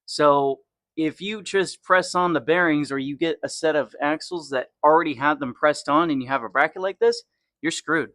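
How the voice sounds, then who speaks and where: A young man, the host of a garage channel, narrates a car repair in his home garage, swearing freely and muttering complaints to himself as he wrenches. His voice is fairly high and a bit bright, at a normal speed. The recording is clean studio sound with no echo.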